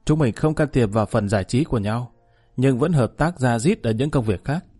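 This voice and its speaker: A man voicing a proud, stubborn male gang boss who talks quickly and dismissively. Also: medium pitch, dark tone, husky, faint music behind, close to an everyday voice. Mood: defiant.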